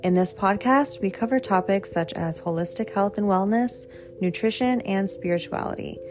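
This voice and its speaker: A woman's voice: mid-range voice, moderate pace, darkish tone. Female podcast host reading her intro evenly over a music bed. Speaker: podcast host and health coach. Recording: music playing behind voice.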